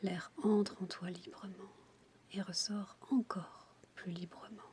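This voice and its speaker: A woman speaks in a close, intimate whisper, entirely breathy. She gives soothing relaxation instructions at a very slow pace with little melodic movement. A faint ambient noise sits behind her voice. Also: mid-range voice, fairly even intonation, warm tone. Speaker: relaxation guide for childbirth. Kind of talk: whispered ASMR guided relaxation.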